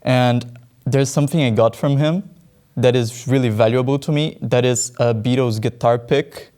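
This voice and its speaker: Flat smooth-voiced young man from Brazil. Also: mid-range voice, moderate pace. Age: young adult. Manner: hesitant, searching for words. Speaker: interviewee. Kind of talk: casual chat.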